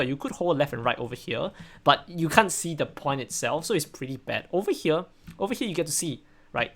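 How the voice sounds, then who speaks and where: Streaming a game replay analysis, this young streamer and coach from Singapore talks casually in Singaporean-accented English, with a higher-pitched, fairly bright voice. He rambles along, repeating himself and tossing in "right?" again and again.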